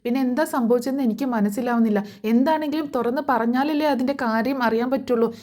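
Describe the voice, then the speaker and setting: A woman's voice: on the high side, fast, a little mellow, pitched above the performer's own voice, natural voice. A woman voicing an angry, defensive middle-aged mother in a retold TV serial, protesting in a raised voice. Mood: indignant.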